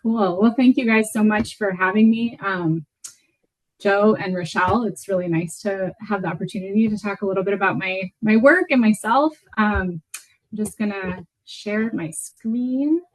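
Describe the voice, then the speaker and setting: A woman in her thirties from Venezuela talks at a mid pitch, presenting her work in a loose, unhurried way. She pads her sentences with fillers, and her phrases often fade softly at the end. It sounds like a video call. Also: low-quality recording. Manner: relaxed, with fillers and soft trailing endings. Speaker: guest lecturer, potter. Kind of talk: casual presentation.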